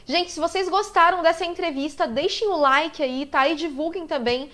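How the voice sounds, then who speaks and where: A woman's voice: extremely high pitch, normal speed, pushed and bright. A young woman with a Brazilian Portuguese accent hosting a casual live-stream interview, enthusiastic and gushing, laughing often. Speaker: interview host.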